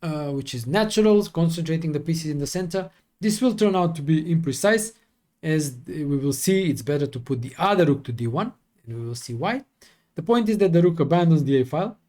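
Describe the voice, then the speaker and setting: A man working through chess opening lines as a coach, thinking aloud with fillers and quick self-corrections. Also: fairly high pitch, lively intonation, warm tone.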